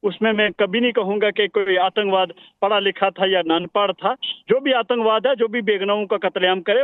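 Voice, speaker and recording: A man's voice: high-pitched, no echo. A man speaking as a guest in a TV news debate, defensive and repeating himself to be heard. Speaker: TV debate guest on a phone line. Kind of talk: heated TV debate argument. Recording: tinny phone line.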